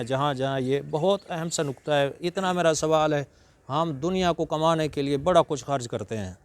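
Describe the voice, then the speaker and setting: A man giving a religious lecture, teaching slowly and breaking into drawn-out Arabic recitation. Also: a little high, smooth. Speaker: Quran reciter and preacher.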